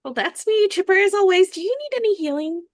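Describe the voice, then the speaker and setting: Woman putting on a chipper little gnome for a tabletop game, high, bouncy and lively. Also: brisk, no echo, studio quality. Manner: bright, bubbly and eager. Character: tiny cheerful gnome, always chipper.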